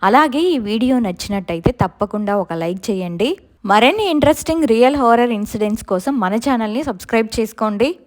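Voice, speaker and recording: A storytelling channel host, a woman with a fairly high, expressive voice, narrates a viewer's real ghost experience in the first person. She slows down for the scary parts.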